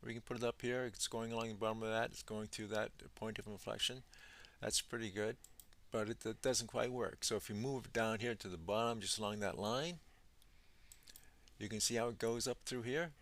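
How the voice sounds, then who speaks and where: A man teaching as a trading instructor, walking through charts on screen in an unhurried way, thinking aloud with many fillers. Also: on the low side, steady tone, fairly bright tone. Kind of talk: screen-share chart walkthrough.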